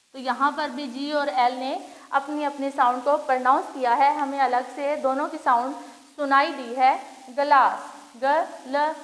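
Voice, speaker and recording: A woman teacher giving a patient phonics lesson, slowly sounding out letters one by one and often checking in with her students. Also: sits high. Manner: calls students "beta", checks with "theek hai". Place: school classroom. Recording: echoey classroom reverb.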